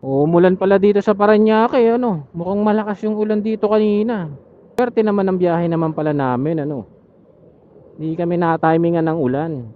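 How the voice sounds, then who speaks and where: Riding outdoors through city traffic, a man with a Filipino accent from the Manila area talks casually to his vlog viewers in a high-pitched, fairly quick voice. The sound comes through a helmet intercom tied to an action camera, so it's muffled, with traffic and faint street and vehicle noise in the background.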